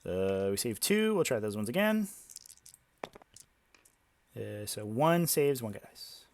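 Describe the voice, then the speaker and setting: A man hosting a tabletop wargame session, brisk and upbeat as he counts his saves out loud. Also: fairly low pitch, very animated, creaky, a little hiss or hum. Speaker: tabletop wargame player and channel host. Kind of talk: casual game commentary.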